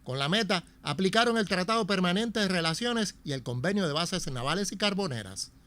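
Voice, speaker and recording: A man's voice: sits high, lively intonation, brisk, sharp tone. Cuban man narrating in a solemn tone. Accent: Cuban Spanish. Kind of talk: scripted documentary narration.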